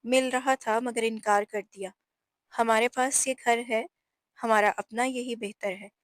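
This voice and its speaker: A woman's voice: fairly high pitch, steady tone, a little slow, dry recording, clean studio sound, close to an everyday voice. A woman voicing a serious young male police officer who is a dutiful son, earnest and pleading in a storybook reading. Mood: calm. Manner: earnest, pleading with his mother.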